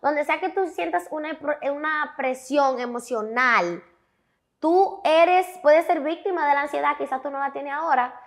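A young woman with a Dominican accent talks in a high, bright register. She tells her story emphatically and candidly, with lively swings in her delivery. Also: a little slow. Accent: Dominican Spanish. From Dominican Republic. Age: young adult. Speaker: guest. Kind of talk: candid interview talk.

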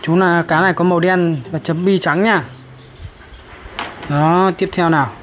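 A man's voice: on the high side, steady tone, measured pace, fairly bright tone, slight background noise. A man narrating a toy video for young children, talking in simple, repetitive, encouraging phrases as if to a toddler.

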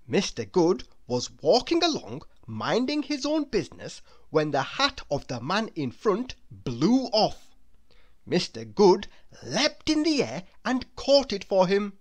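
A woman with a medium-pitched voice reads a children's storybook aloud, narrating in an expressive, deliberate storytelling style.

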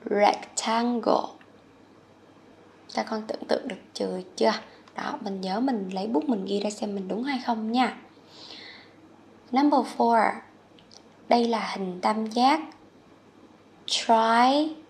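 Woman from Vietnam, kids' English teacher, slightly high, gravelly, patient drilling. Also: a little mellow, slight background noise. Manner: patient, coaxing, drills words slowly and repeats them. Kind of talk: children's vocabulary lesson. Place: HCMC.

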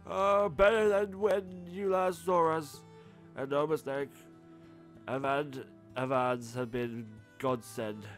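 A man voicing a gruff old male resistance leader from a video game, speaking slowly. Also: a little high, steady tone, faint music behind, pitched above the performer's own voice. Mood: proud.

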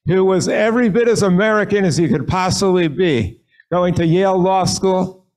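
At the sanctuary lectern mic, a rabbi leads a service and shares a brief story in a sincere, measured manner. This man has a high, somewhat mellow voice, captured in low-quality audio.

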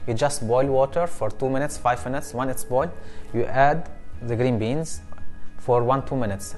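A chef in his thirties giving a cooking demonstration in a studio kitchen, explaining each step in simple, halting English. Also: medium pitch, a little mellow. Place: studio kitchen set, indoors.

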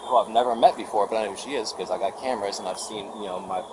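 A man telling his own story in a casual, animated and rambling way, full of restarts and quoted exchanges. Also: lowish voice, very fast. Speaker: tenant vlogger. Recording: noisy outdoor body cam footage.

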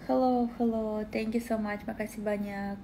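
A woman's voice: mid-range voice, dark tone, a little hiss or hum. A woman from Belarus, chatting casually on a phone livestream and answering comments. She is tired and sleepy, and halts often to search for words. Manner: halting, searching for words, many pauses with "eh".

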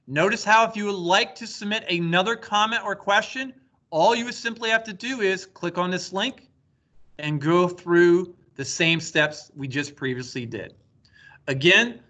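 Man, bright tone, slightly high voice, step-by-step tutorial narration, computer mic. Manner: plain step-by-step instructional delivery. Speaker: school district technology coordinator. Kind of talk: screen-recorded tutorial walkthrough.

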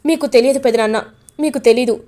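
A woman voicing an angry young man in a spoken serial recap, shouting and agitated. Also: on the high side, fast talker, natural voice. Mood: furious. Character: angry young man confronting his brother.

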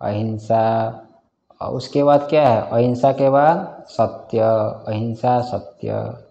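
A man's voice: mid-range voice, big pitch swings, slow pace, vocal fry, dark tone, lo-fi sound. A man teaching a scripture class in a casual way, often quizzing his students and chuckling. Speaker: Vedanta teacher.

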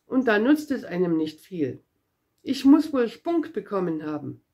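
A woman's voice: mid-range voice, very animated, measured pace, a little mellow. A woman voicing a cheeky, boastful little red-haired girl in a read-aloud storybook, chatty and eager.

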